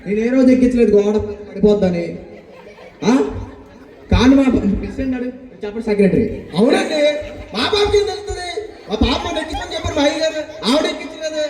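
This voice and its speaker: A man acting as a bossy, pompous village president who rattles off his words at a quick clip in a very high voice. He chuckles through his bluster. The sound is roomy, with a faint crowd behind. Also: animated, darkish tone. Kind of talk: church skit acting.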